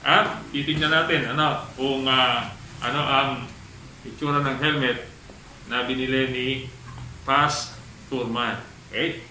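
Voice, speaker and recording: A man talking through a cloth mask, reviewing a helmet in a casual vlog with many halting filler pauses. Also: mid-range voice, steady tone, pushed and bright, slight background noise. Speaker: vlogger. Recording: echoey room with faint ambience.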